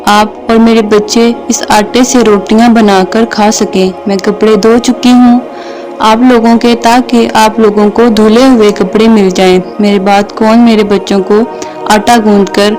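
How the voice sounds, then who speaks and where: A woman voicing a gentle dying mother. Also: medium pitch, level tone, faint music behind, lightly acted. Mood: tender, tearful. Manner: tearful, tender.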